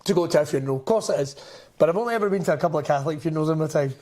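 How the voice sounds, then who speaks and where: A Scottish man co-hosting a podcast, ranting in animated, exasperated casual chat and laughing often. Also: a little high, rapid-fire. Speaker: podcast co-host.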